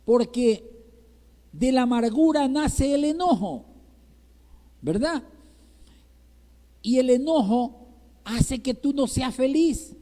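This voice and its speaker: High-voiced Ecuadorian pastor, slow, in a hall. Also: male voice, lively intonation, dark tone. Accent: Ecuadorian Spanish. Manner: preaching with rhetorical questions and tag "¿verdad?". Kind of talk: sermon. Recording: reverberant church hall.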